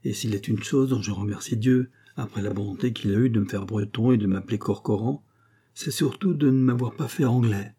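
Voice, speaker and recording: A bold, good-humoured old-world sea captain speaks with swagger and teasing cheer, as a male audiobook reader puts him on. His voice is mellow and slightly husky. He sounds like a storybook figure from an adventure tale. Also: lowish voice, a little fast. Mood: proud.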